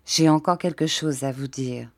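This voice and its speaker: Woman voicing a tender, earnest young lover, soft and coaxing, lowish. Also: normal speed, no room sound, clean studio sound.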